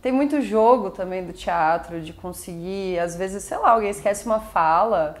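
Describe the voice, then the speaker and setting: A woman's voice: medium pitch, normal speed. Chatty Brazilian woman. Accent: Brazilian Portuguese. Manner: chatty, frequent fillers and tag questions. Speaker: guest, musical theatre performer. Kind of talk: casual interview chat.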